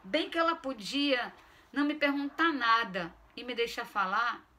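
A pushy teenage boy, as a woman reading a story puts him on, pleads and complains in an insistent, exasperated way. The voice sits high and bright, with quick indignant bursts. It comes across as a storybook reading. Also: animated, a little hiss or hum.

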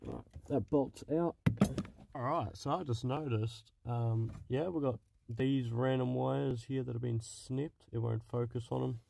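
A man's voice: medium pitch, steady tone, unhurried, gravelly, very noisy. A man narrating casually while working in a cramped car footwell, muttering and swearing as he goes. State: out of breath. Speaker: car project vlogger. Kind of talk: casual work-along narration.

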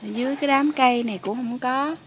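A woman's voice: sits high, fast talker, slight background noise, close to an everyday voice. A woman voicing a grumpy, bossy male toy dinosaur that grumbles and teases. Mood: grumbling. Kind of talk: toy play voice acting.

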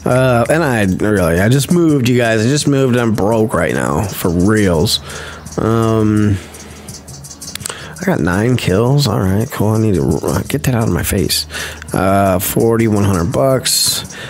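A man's voice: fairly low pitch, lively intonation, slow pace, soft background music. A man hosting a gaming channel, giving chatty, playful let's-play commentary in a slangy, easygoing way and humming to himself as he plays.

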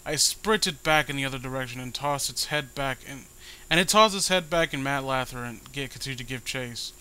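Brisk and forceful, this man's mid-range voice is bright with a clean tone, though the recording itself is low quality. He hosts readings of amateur horror stories, performing this one dramatically and adding sarcastic remarks.

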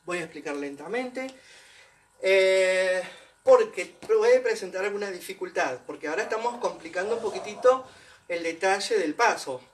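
A man's voice: high-pitched, expressive, moderate pace. A male folk dance teacher leading an online class. He demonstrates steps while counting beats aloud and vocalizing rhythms. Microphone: camera set back from the dancer. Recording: distant mic with faint background noise.

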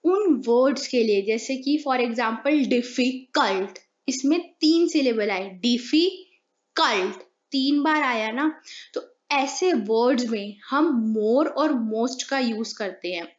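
A woman's voice: a little high, lively intonation, takes it slowly, muffled recording. A woman teaching a grammar lesson, explaining step by step and asking and answering her own questions.

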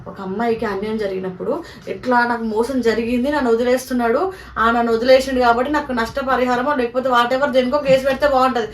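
A woman's voice: a little high, fairly even intonation, fast talker, recorded from a distance. A woman with a Telangana Telugu accent consoling a crying friend, soothing yet agitated, repeating her pleas on a home vlog.

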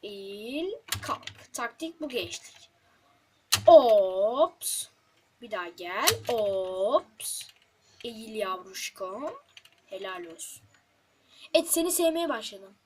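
A woman's voice: a little high, animated, slow, pauses often. A woman hosting a let's play, talking to the game in frustration and swearing often. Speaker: gaming channel host. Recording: loud keyboard clicks and noise.

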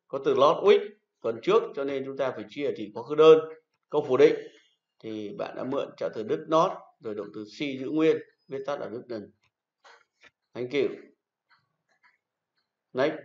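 A man's voice: medium pitch, unhurried, pauses often, darkish tone. Patient male teacher in an echoey classroom. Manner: patient, repeats rules and praises pupils. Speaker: English teacher. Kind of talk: classroom lesson. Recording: echoey room, dull lo-fi sound.

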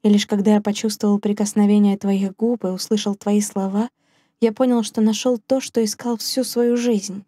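Woman reading ardent young marquis, tender and pleading, warm mellow tone. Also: mid-range voice, level tone, normal speed, no echo, studio quality, close to an everyday voice. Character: passionate young male nobleman, tender lover.

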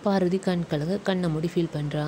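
A woman narrating a serial story in a measured, descriptive way. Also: lowish voice, fairly even intonation, mellow, slight background noise, low-quality recording.

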